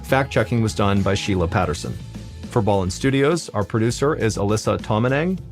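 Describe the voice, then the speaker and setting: A man's voice: lowish voice, expressive, brisk, faint music behind. A man in his thirties, an American podcast host, narrating a true story in a conversational, scripted first-person style. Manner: conversational, chains sentences with "and so".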